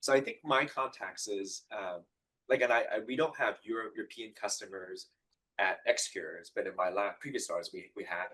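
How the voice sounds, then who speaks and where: A man from Hong Kong answers questions on a live panel, halting and full of ums and restarts. His voice sits a little low and sounds husky. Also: pushed and bright, low-quality recording. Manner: hesitant, many fillers and restarts. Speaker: panelist, genetic counselor.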